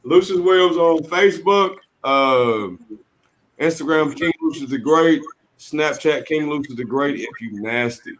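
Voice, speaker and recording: A man hosting a casual podcast with friends, his voice sitting a touch high for a man. He talks in a laid-back, loose way, swears freely and breaks into laughter often. A faint hiss sits under the recording. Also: a little slow, fairly bright tone, rough recording. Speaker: podcast host. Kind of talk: casual group chat.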